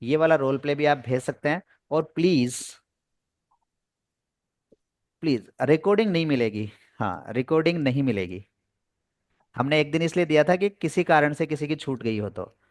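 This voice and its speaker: A man's voice: fairly high pitch, lively intonation, normal speed, long pauses, no echo, clean studio sound. A man teaching spoken English in an online class, explaining in Hindi mixed with English terms, patient and repetitive. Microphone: video call.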